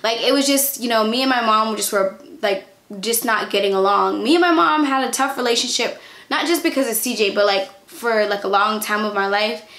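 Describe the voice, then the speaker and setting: A young woman with a fairly high voice talks casually, as if in a storytime vlog. Her delivery is chatty and candid, loosely phrased and informal. The recording is roomy, with audible echo around her voice. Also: a little fast, fairly bright tone. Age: young adult. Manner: chatty, candid, informal with frequent "like" and "you know". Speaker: vlogger. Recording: echoey, roomy sound.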